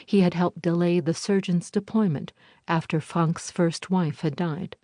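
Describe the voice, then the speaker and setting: A woman reading a historical novel aloud in a measured, even storytelling manner. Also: on the low side, no echo, studio quality. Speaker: audiobook narrator. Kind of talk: scripted narration. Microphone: close studio mic.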